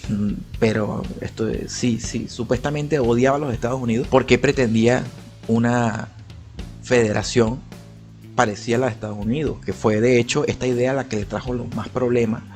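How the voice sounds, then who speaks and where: A young man with a Venezuelan Spanish accent speaks in a loose, conversational commentary style, restarting his phrases and tossing in slang. His voice sits at an average pitch for a man. Soft music plays faintly underneath. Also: steady tone, moderate pace. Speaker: political YouTuber. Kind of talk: casual opinion commentary.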